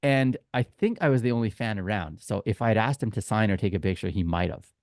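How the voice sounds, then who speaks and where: A fast-talking man with a lowish, darkish voice, recorded at studio quality without room sound. He's a tour guide who co-hosts a casual sports podcast, spinning informal, chatty anecdotes and acting out what people said.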